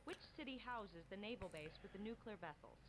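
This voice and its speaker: An actress playing a female quiz announcer who reads trivia clues in a clear, formal way. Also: medium pitch, animated, a little fast, natural voice. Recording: game audio with crowd noise behind.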